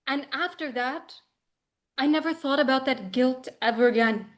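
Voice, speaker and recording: A woman in her thirties tells a personal spiritual story as an interview guest. Her voice sits a little high. She speaks earnestly and chattily, with frequent fillers and quick restarts. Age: 30s.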